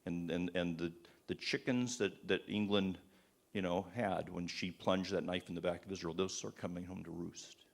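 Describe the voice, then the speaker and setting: This church event speaker has a low, gravelly voice with a steady tone at normal speed. Preaching passionately to a live crowd in sermon style, he throws out rhetorical questions and frequently starts his sentences over.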